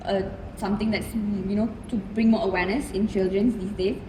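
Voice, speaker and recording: A woman's voice: mid-range voice, steady tone, a little fast, mellow. A woman guest in a casual chat, explaining her view at length with many fillers. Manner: rambling, filler-laden explanation. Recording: distant, echoey and noisy.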